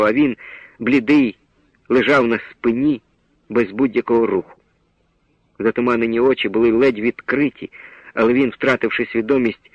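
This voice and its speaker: A man reading a novel aloud in a measured, dramatic manner, heard on a dull lo-fi old radio recording. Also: medium pitch, dry recording. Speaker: narrator. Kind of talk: scripted audiobook narration.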